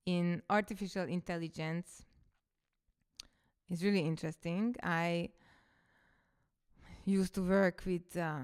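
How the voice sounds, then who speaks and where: Her voice has a clean tone and fairly low pitch as this thirty-something coach and podcaster, Hungarian by first language, recounts her story in an easygoing, thoughtful monologue.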